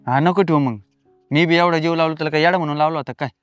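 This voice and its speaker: An actor playing an irritable, two-timing husband who answers defensively and snaps back. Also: male voice, fairly high pitch, fairly even intonation, rapid-fire, dry recording, soft background music, lightly acted. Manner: defensive, snapping, short-tempered. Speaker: cheating husband. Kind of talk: comedy film acting.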